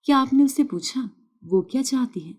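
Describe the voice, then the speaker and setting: Give me a persistent young man who pleads earnestly, read by a woman telling a story. His voice is dark and even. He presses his case again and again. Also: sits high, voice pushed up. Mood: insistent. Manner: earnest, insistent.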